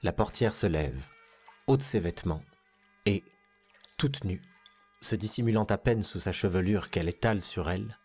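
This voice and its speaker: A man narrating a literary tale in a measured, expressive reading. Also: low-pitched, breathy edge, faint music behind. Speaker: storyteller.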